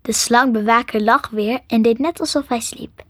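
A woman's voice: moderate pace, dry recording, clean studio sound. A woman reading a storybook aloud, moving between plain narration and livelier character dialogue. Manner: lifts her voice higher and louder for excited dialogue. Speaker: audiobook narrator.

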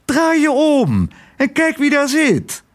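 A man's voice: very high-pitched, huge pitch swings, slow, voice pushed up, exaggerated voice. A man doing a gushing, squealing aunt. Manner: exclaiming, gushing. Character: excitable, gushing middle-aged aunt.

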